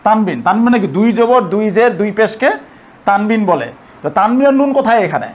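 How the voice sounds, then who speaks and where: In an explanatory lesson, a man with a high-sitting, animated voice teaches Arabic grammar patiently, step by step. He repeats his points, keeps checking that listeners are following, and slows down to spell out Arabic examples syllable by syllable.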